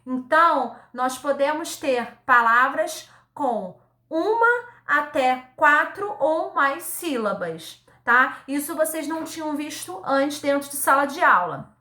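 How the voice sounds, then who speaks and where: A woman teaching young children in a recorded lesson, her voice high and bright. She talks slowly and patiently, spells words out piece by piece, and tags her sentences with a checking "tá?". The room around her is echoey. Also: animated. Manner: slow, patient, repeats words syllable by syllable; ends phrases with a checking "tá?". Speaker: primary school teacher.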